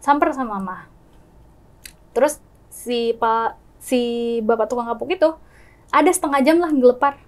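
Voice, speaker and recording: A woman's voice: fairly high pitch, moderate pace, long pauses. A woman guest telling her own experience in a casual chat, acting out the scenes with quoted dialogue. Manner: lively, acts out scenes with gestures and quoted dialogue.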